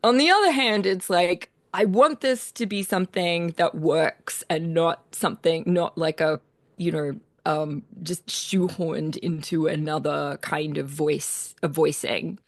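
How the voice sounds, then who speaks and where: Australian woman composer, lowish voice, chatty and self-deprecating, dry close mic. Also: a little slow, dry recording. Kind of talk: casual talk to a choir.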